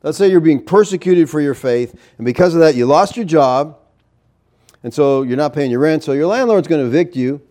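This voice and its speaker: A man preaching a sermon, arguing point by point in an animated, incredulous way and pressing rhetorical questions. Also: on the high side, brisk.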